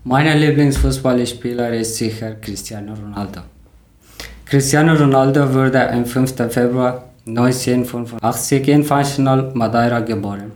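An Afghan man who hosts a podcast reads a prepared talk in learner German, which is not his first language. His mid-range voice is a little mellow, and his delivery is careful and slightly halting, with learner grammar. The room is echoey.

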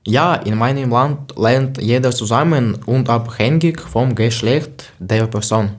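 A man, answering interview questions in a halting way with restarts. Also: mid-range voice. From Ukraine. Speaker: interview guest. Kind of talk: scripted answers.

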